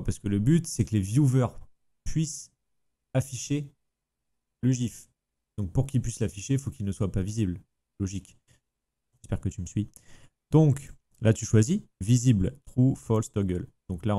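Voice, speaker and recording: A man, casually talking the viewer through a software tutorial with chatty enthusiasm. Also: on the low side. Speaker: streaming tutorial host. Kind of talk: casual screen-recorded tutorial.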